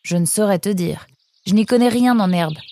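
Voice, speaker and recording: A woman voicing a young male fox in a children's storybook, speaking high and quick to protest. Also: warm tone, close to an everyday voice. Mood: curious.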